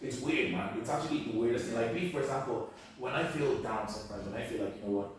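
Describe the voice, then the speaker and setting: Quick guy with a bit of an irish accent, rambly chatty stories, sounds far off the mic in a boomy room. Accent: Irish-tinged. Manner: rambling storytelling, restarts, swears. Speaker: comedian guest. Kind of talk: casual podcast chat. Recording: echoey room, mic at a distance.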